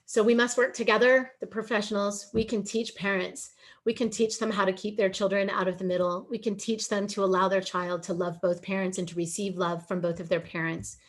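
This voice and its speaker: A woman's voice: mid-range voice, little pitch movement, brisk. Earnest woman presenting on a video call. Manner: earnest, pleading and emphatic. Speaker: guest speaker on a webinar. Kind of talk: emotional presentation.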